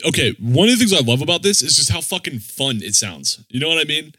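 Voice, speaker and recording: Male music podcast host, animated pitch, casual and sweary bro slang, dry close recording. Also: fast talker, slightly rough, no room sound. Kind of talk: casual chat.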